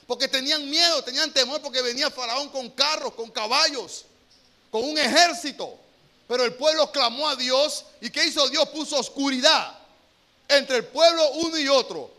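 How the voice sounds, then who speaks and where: A male pastor preaching a sermon, asking the congregation rhetorical questions and moving between hushed storytelling and loud exhortation. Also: very high-pitched.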